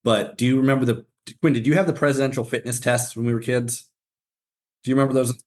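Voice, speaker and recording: A man's voice: mid-range voice, steady tone, fast talker, darkish tone. A man from southwestern Pennsylvania hosting a running podcast, asking casual questions and often restarting them. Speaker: podcast host.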